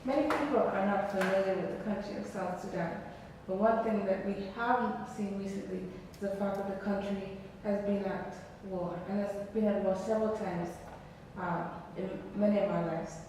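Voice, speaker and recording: A woman asks interview questions in a calm, measured way with a mellow, warm tone. Her voice sits far from the microphone in a roomy space with long reverb and a faint background hiss. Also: mid-range voice. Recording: echoey room from far off, faint noise.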